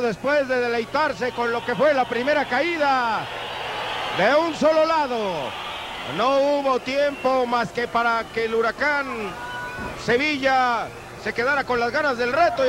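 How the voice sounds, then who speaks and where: A Mexican man delivers live wrestling commentary at a very high pitch. His phrasing is florid and playful, like a storyteller. The old broadcast recording is thick with loud noise from the arena. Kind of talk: live lucha libre commentary. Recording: very noisy old TV sports broadcast.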